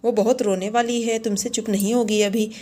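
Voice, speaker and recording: A woman's voice: fairly high pitch, fairly even intonation, moderate pace, dark tone, slight background noise, natural voice. A woman voicing a firm, scolding elder sister-in-law in a village doll story.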